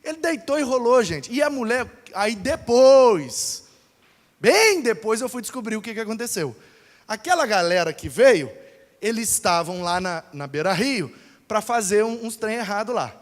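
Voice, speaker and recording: A pastor telling a lively personal story in a sermon, acting out the people in it. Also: male voice, high voice. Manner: animated, acts out voices in his story. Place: church hall. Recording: long hall reverb.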